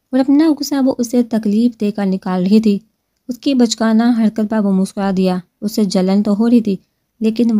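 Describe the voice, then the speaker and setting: A woman reading a romance novel aloud in a steady, even narrating voice. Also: medium pitch, dry recording, studio quality.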